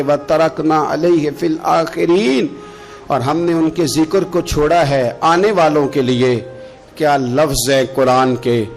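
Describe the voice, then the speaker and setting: High-pitched preacher; fiery sermon with slow chanted recitation, faint music under. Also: male voice. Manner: swings between loud impassioned exclamations and soft slow recitation. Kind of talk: emotive Urdu sermon with Quranic recitation.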